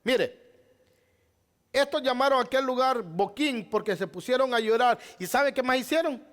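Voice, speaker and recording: A man's voice: very high-pitched, moderate pace, fairly bright tone. A male pastor preaching a sermon, asking rhetorical questions and addressing the congregation as beloved brother.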